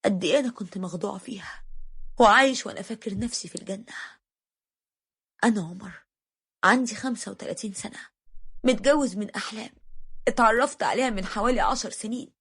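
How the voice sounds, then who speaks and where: A woman's voice: mid-range voice, quick pace, long pauses, a bit bright, husky. A woman narrating an emotional first-person story in the voice of a man telling his own tale.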